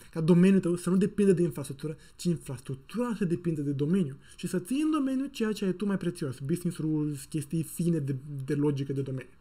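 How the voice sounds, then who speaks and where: Man, tech speaker on a video call, mellow husky voice, jokey and animated. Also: fairly high pitch. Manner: animated and joking, with playful sound effects and slang. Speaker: software conference speaker. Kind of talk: casual technical talk to an online audience.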